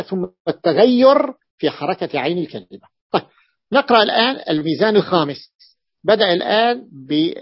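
A man's voice: high-pitched, husky. Male teacher, patient repetitive lecture. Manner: repeats points patiently, checks the listeners often. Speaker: teacher of Arabic morphology. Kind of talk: classroom lecture explaining a text. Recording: dull lo-fi recording.

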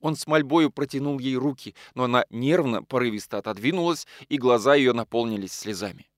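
Sex: male. Role: audiobook narrator. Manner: expressive, dramatic. Pitch: mid. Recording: dry and close. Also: brisk, no echo.

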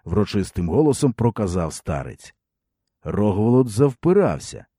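A male audiobook narrator telling a historical novel in a measured, expressive way. His tone is dark and mellow, and his pitch moves freely. The sound is dry and close. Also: no room sound.

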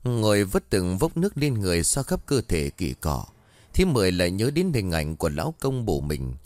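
A man narrating a ghost story in an expressive storytelling manner. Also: sits low, moderate pace, no echo.

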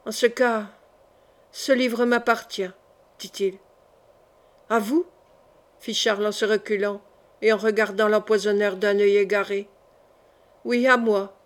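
A woman reading a classic novel aloud as an audiobook, voicing every part in the same steady narrating voice. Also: medium pitch, a little slow, long pauses. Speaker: audiobook reader.

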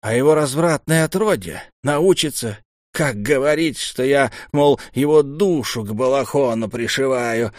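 A man's voice: medium pitch, measured pace, no room sound, studio quality, pitched above the performer's own voice, natural voice. A man voicing a spiteful, scheming old temple mentor who talks in a gloating, venomous hiss.

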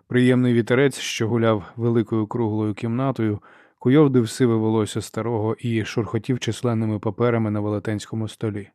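A man reading a fantasy novel aloud in measured, even audiobook narration. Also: medium pitch, dry recording, clean studio sound.

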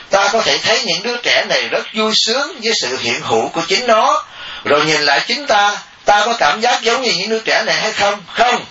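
Bright-voiced monk doing a dharma talk, jokey, kinda dull lo-fi sound. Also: male voice, high voice, a little hiss or hum. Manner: animated, jokey, mimics laypeople. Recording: distant echoey lo-fi recording.

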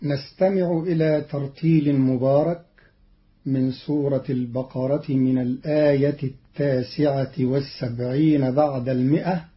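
A man giving a scripted radio explanation of Quran readings, in a slow, measured and formal way. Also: medium pitch. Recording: dull lo-fi archive radio recording.

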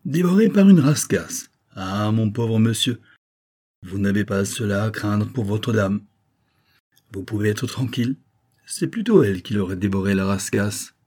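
A man's voice: lowish voice, a little slow, a little mellow. A man doing a teasing old sailor. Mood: mocking.

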